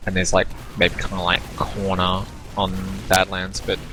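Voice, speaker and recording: Soft music plays behind this esports caster, a man whose low voice sounds pushed and bright. His delivery is unhurried and monotone while he analyzes plays in an online team shooter, often stumbling and restarting his sentences.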